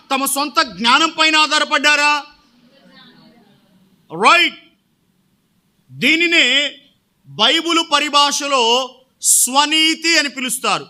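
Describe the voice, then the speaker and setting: A man preaches with a strikingly high, very bright voice. He questions his listeners again and again and then gives the answer himself, as a pastor in full sermon.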